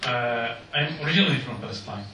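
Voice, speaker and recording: A man's voice: mid-range voice, distant mic, noisy background. Earnest man speaking in an echoey hall. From Jordan. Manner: earnest, halting non-native English. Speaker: speaker at a public meeting. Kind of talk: public speech. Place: meeting hall.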